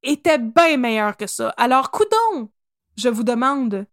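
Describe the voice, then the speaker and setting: High-voiced Québécoise podcast storyteller. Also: female voice, big pitch swings, measured pace, dry recording, clean studio sound. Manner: playful, laughs often, self-correcting. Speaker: podcast co-host. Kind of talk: casual storytelling chat.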